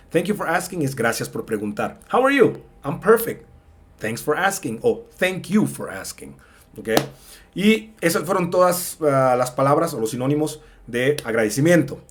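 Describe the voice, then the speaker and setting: A man teaching in a casual spoken lesson, slowly stretching out example phrases and acting out short dialogues with shifted voices, checking in often with "ok?". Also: mid-range voice, a bit bright. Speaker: English teacher.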